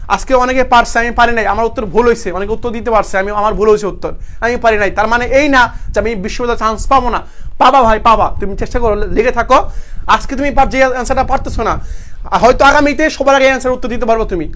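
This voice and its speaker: A man's voice: very high-pitched, fairly bright tone. A young man teaching an online admission-prep class, drilling students with repeated questions he answers himself and encouraging them to keep trying. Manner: encouraging, motivational. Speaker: university admission coaching teacher.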